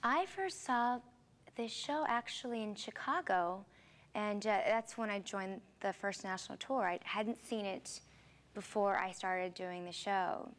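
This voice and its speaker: A young musical theater actress from the Philippines, raised in Seattle, answers interview questions in a friendly, chatty way. Her mid-range, slightly bright voice is unhurried, with many fillers and restarts.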